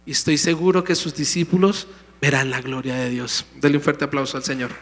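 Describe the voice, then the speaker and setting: A man's voice: a little high, steady tone, fairly quick, fairly bright tone, a little hiss or hum. Preaching man in an echoing hall. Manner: emphatic preaching, calling out to the congregation. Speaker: pastor. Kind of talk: sermon. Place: church sanctuary. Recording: long hall reverb.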